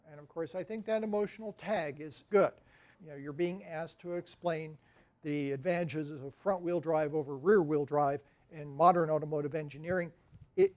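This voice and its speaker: A man, an academic librarian giving a conference talk, animated and wry with light jokes. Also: sits high. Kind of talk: conference presentation.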